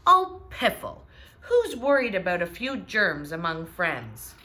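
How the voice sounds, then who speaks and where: Storybook papa bear, blustery and jolly, read by a woman with a lively bright lilt. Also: medium pitch, moderate pace. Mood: dismissive. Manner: dismissive and jolly.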